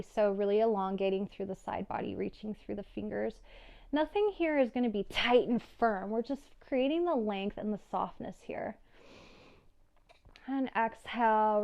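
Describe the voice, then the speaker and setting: A woman yoga instructor calmly guiding a class through breathing and poses, with soft laughs between cues. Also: mid-range voice.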